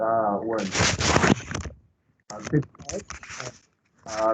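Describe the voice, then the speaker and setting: A middle-aged man introduces a speaker informally as host, halting and hesitating often as he finds his words. His voice is mid-pitched. The recording is narrow like a phone line, with faint noise behind it. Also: darkish tone. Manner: halting, hesitant, many pauses.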